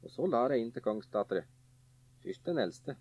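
A man narrating a folk tale in a lively, animated way. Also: medium pitch, breathy edge, dry recording. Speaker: storyteller. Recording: dull, dry recording.

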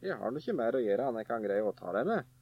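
A man voicing a cheerful, easygoing young lad in a folk tale who shouts gleefully over everything he finds. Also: medium pitch, very animated, slightly rough, narrow, tinny audio.

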